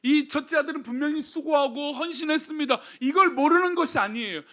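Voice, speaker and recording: A male senior pastor preaching a sermon, asking the congregation rhetorical questions and swinging between soft and loud delivery. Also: very high-pitched, quick pace.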